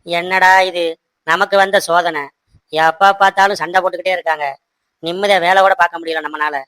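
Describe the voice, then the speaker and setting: A man's voice: sits high, fairly even intonation, brisk, bright, forceful tone, smooth, no echo. Man voicing a harried, placating cartoon husband. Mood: exasperated. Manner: soothing, placating, talks to the audience. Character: harried young husband, stuck between wife and sisters. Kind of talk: cartoon voice acting.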